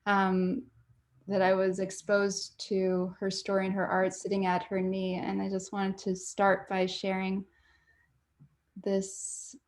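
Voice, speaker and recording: A young woman from Canada, a documentary photographer, talking reflectively on a panel with frequent pauses and fillers. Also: mid-range voice, completely flat delivery, a little mellow. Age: young adult. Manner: reflective, hesitant with many fillers. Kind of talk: panel talk.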